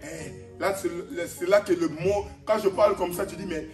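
A man with a Congolese French accent, preaching a sermon as a pastor, animated, breaking into shouts and laughing asides. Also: high voice, normal speed, far from the mic. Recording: echoey hall, off-mic, music behind.

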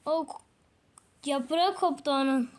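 High-voiced woman chatting over gameplay. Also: unhurried. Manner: chatty and exclamatory, often laughing. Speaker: gaming channel host. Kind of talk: casual gameplay commentary.

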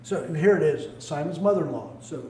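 A male pastor preaching a sermon, animated and swinging between loud calls and hushed asides, recorded in a church sanctuary. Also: on the high side, a little fast, a little hiss or hum. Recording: echoey room, mic at a distance.

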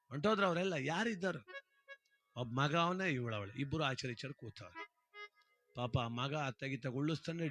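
Bright-voiced man telling a folk tale. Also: mid-range voice. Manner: lively, dramatic and conversational. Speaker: storyteller. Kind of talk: humorous folk storytelling.

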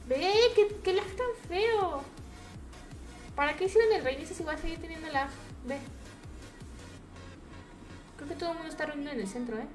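A young woman who streams games narrates her play in a relaxed, talkative way with a Mexican accent, now and then erupting into shrill shrieks.

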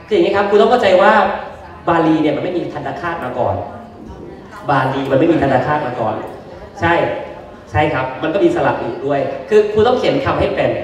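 A man's voice: high voice, far from the mic. Man lecturing in an echoey hall. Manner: explanatory, polite, joking with the audience. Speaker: teacher trainer. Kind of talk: workshop lecture to teachers.

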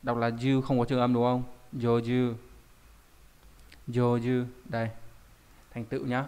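A man's voice: medium pitch, level tone, brisk, a little mellow, smooth. Man teaching kanji. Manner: explains patiently, often asks rhetorical check questions. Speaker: Japanese language teacher. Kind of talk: recorded online lesson.

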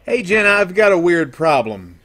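A man's voice: high-pitched, very animated, moderate pace, fairly bright tone. A man playing an estranged, down-on-his-luck father on a prank phone call, hesitant and rambling, with many ums and uhs. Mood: hesitant, awkward. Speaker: prank caller.

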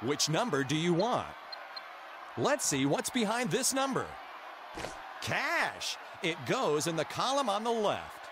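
An emphatic game show host in a video game. His voice is high and very lively, jumping in pitch as he instructs the contestant. Clear game noise runs behind him. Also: slow pace, exaggerated voice. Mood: upbeat. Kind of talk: game show hosting, scripted.

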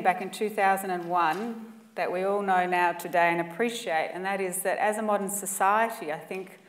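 Her voice is on the low side and far from the mic, which stands back in an echoey indoor conference room or lecture hall. The Australian woman, in her forties, presents at a lectern in an earnest, emphatic way, using lists for effect.

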